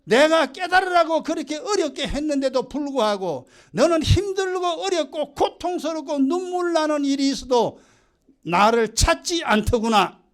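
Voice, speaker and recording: A man's voice: very high-pitched, expressive, normal speed, pitched above the performer's own voice. A man voicing God, stern and scolding. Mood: pleading. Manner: scolding, raising his voice. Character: God scolding mankind, stern and pleading father.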